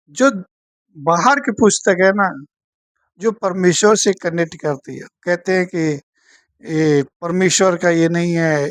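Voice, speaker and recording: A woman teaching a Bible study, speaking slowly and checking in with her listeners after almost every point. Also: on the low side, dry recording, clean studio sound. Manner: slow, keeps asking "theek hai na?".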